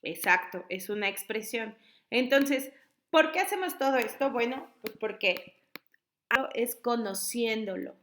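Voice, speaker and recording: A woman, an online high school tutor patiently explaining spelling to her students. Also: lively intonation, unhurried, a bit bright.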